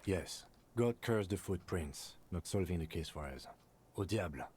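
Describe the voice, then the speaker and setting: Reserved cop lieutenant, low voice, precise, deadpan. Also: male voice, moderate pace, a little hiss or hum. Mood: calm. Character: calm, reserved adult male police lieutenant. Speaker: police lieutenant. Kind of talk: game voice acting.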